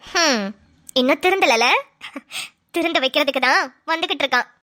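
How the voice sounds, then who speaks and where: A woman voicing a sharp-tongued young wife in a cartoon, grumbling and sarcastic. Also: high-pitched, lively intonation, moderate pace. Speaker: cartoon voice actor. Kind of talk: cartoon voice acting.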